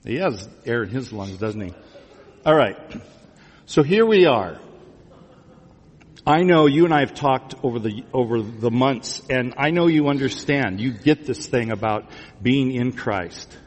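In a big church hall full of reverberation, a pastor delivers a conversational sermon before his congregation. His mid-range voice is expressive and measured in pace, and he playfully quizzes the listeners while echoing their phrases back.

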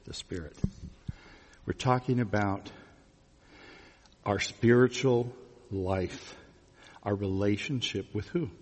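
A man with a fairly low voice speaks slowly, pausing often, as a pastor giving a conversational sermon. He teases the congregation with questions and repeats phrases back to them. The large church room gives the recording a reverberant hall sound.

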